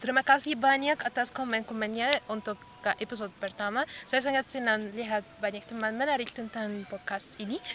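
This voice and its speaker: Female podcast host, Egyptian accent, Arabic native speaking Indonesian as a foreigner. Bright, high-pitched, conversational, some background noise. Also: fairly quick, hardly any pauses. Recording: noisy background.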